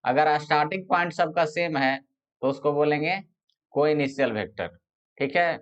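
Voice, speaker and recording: A male physics teacher giving a classroom lecture. He explains step by step and repeats each phrase slowly while dictating notes. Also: a little high. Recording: dull lo-fi sound.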